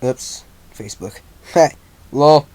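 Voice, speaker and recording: A man reading his own fan fiction aloud in a halting, stumbling, casual way. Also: mid-range voice, darkish tone. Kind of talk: amateur story reading.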